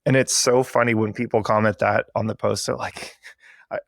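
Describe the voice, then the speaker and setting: A man's voice: lowish voice, flat delivery, normal speed, vocal fry, no room sound. A man hosting an interview podcast, chatting enthusiastically and heaping praise on his guest in a casual, effusive way. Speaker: podcast host.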